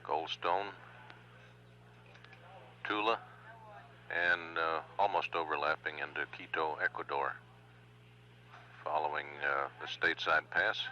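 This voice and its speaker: A man giving formal, measured spaceflight status commentary as a mission control announcer, with hesitant pauses. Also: very deep voice, steady tone, sharp tone. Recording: dull lo-fi broadcast, faint hum.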